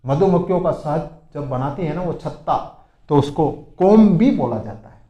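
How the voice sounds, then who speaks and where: Male tutor, lively and a bit high, drills words one by one, echoey room. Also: lo-fi sound. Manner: repeats words slowly for drilling. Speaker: English teacher. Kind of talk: spoken vocabulary lesson.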